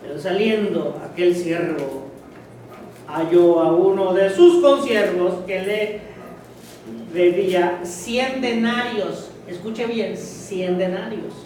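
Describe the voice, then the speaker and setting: A pastor preaching emphatically, repeatedly urging his congregation to listen closely. His voice sits fairly high. The recording is distant and very echoey, with a faint hiss in the church. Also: takes it slowly, a little mellow. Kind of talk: sermon. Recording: very echoey church hall from afar.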